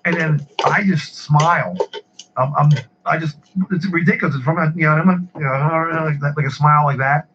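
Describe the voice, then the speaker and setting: Guy rambling thru a funny story, kinda high voice, muffled lo-fi sound w a little hiss. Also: fairly even intonation, normal speed. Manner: rambling, repeats words, laughs at own stories. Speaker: podcast regular. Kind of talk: casual storytelling chat.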